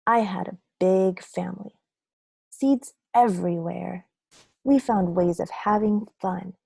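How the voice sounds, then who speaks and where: A woman voicing a grumpy, remorseful sunflower seed telling his own story in a children's picture book read-aloud, in a dramatic, deliberate, confessional manner. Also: mid-range voice, creaky, dark tone, husky, no echo, exaggerated voice. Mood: wistful recounting.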